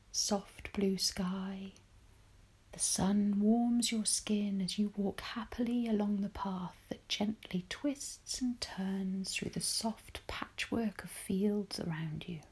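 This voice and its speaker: Female meditation guide: hushed, airy spa whisper, leisurely and soothing, leaving long pauses between gentle instructions. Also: mid-range voice. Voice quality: breathy, whispery.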